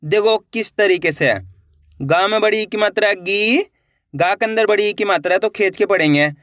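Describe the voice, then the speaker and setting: A man's voice: high voice, moderate pace, a bit bright, no room sound, studio quality. A man teaching a reading lesson online, sounding out each word syllable by syllable before blending it, and asking his learners questions to coax them along. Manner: spells words syllable by syllable, then blends them; coaxing, asks learners questions and urges them to try.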